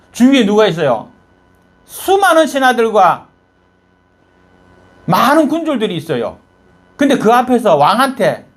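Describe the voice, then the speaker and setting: A man's voice: sits high, breathy edge. A male pastor with a Gyeongsang Korean accent telling a Bible story in his sermon, firing rhetorical questions at the congregation.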